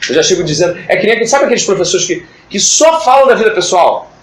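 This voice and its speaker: A man's voice: high voice, big pitch swings, quick pace. Chatty man teaching a Bible study. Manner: chatty, joking, acts out classroom dialogue. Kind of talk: informal Bible study talk. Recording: echoey room with background noise.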